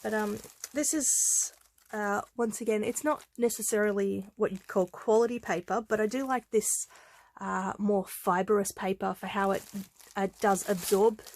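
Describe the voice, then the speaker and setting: Sounding somewhat congested from a cold, this woman vlogs about crafts in a relaxed show-and-tell, her medium-pitched voice keeping a fairly even intonation. She's chatty and takes her time, peppering her talk with frequent ums and uhs as she presents her supplies.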